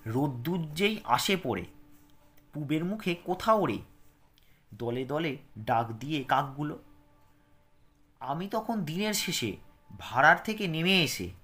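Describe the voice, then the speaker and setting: A man teaches young pupils from a textbook, reciting its verse with a rhythmic lilt before explaining the words in plain terms. His voice is bright and forceful, and his pitch swings widely. He speaks like a patient classroom teacher. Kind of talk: reading aloud and explaining a children's textbook.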